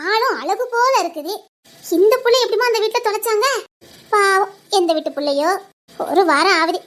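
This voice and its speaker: A woman acts out a kindly older village woman, her voice very high and rushed. She frets over everyone in quick, motherly rural speech. It is a soft-hearted voice from a Tamil audio drama. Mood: pitying. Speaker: elderly village caretaker.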